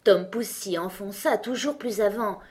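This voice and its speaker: Breathy woman telling a fairy tale. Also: mid-range voice, a little slow, darkish tone. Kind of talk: scripted storybook narration. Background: faint music.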